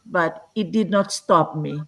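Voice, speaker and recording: A woman's voice: on the low side, measured pace, gravelly, a bit bright, low-quality recording. A woman in her sixties from Fiji, a guest on an online live-stream interview, telling her story earnestly and filling her sentences with "you know". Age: 60s. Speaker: guest entrepreneur.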